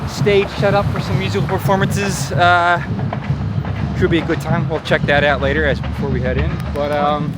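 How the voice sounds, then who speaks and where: An American man hosting a vlog, chatting casually as he walks along outdoors. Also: high voice. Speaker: vlog host. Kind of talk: casual walk-and-talk chat. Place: outdoors, walking by stadium lots. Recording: noisy outdoor recording with traffic ambience.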